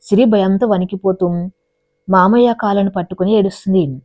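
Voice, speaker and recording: A woman's voice: medium pitch, fairly even intonation, moderate pace, a little mellow, no room sound. A woman narrating a dramatic love story as a storyteller, in a scripted reading style. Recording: dry, dull lo-fi voice recording.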